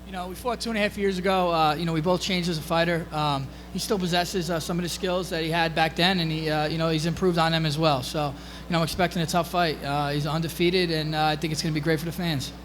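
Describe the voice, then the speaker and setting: A man answering press conference questions casually as a fighter, in a halting, unassuming way. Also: a little high, level tone, a bit bright, slight background noise.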